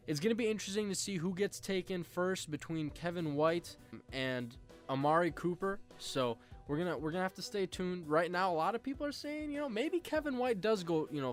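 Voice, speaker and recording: A young man hosting a football draft show, giving a casual scouting breakdown with frequent fillers and restarts. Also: a little high. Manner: many fillers and restarts, conversational. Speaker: football draft analyst host.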